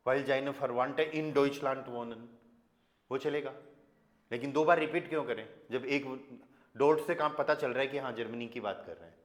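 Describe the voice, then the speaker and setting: A man with an Indian accent teaching a German grammar class in Hindi, explaining slowly and mixing in English and German examples. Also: medium pitch. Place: classroom with students and online learners. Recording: echoey classroom.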